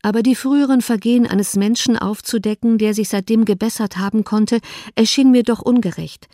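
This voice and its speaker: A woman reading a gentle, soft-spoken elder sister. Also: fairly high pitch, brisk, no room sound, clean studio sound, close to an everyday voice. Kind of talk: audiobook reading.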